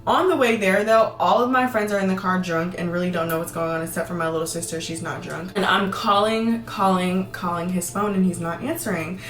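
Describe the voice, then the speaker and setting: Young woman vlogger, quick emphatic storytelling, roomy sound, set back from the mic. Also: fairly low pitch, steady tone, a bit bright, distant mic, faint music behind. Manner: fast, emphatic, repeats words for emphasis. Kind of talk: storytime vlog.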